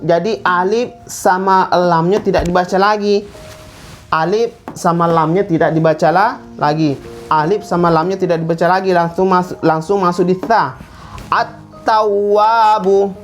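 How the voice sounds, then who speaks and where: A man with a high voice teaches Quran recitation rules in a classroom lesson. He stretches words out slowly to demonstrate pronunciation.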